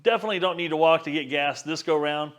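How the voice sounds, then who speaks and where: A vlogger with a fairly high, slightly bright voice talks quickly as he casually walks viewers through his boat gear setup. It's an upbeat, chatty how-to vlog set in a backyard workshop and on the boat.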